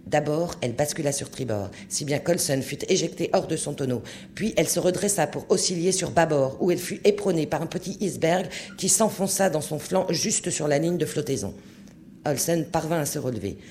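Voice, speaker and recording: A man narrating a story in an audiobook reading, expressive and steady. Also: fairly high pitch, a little fast, slight background noise.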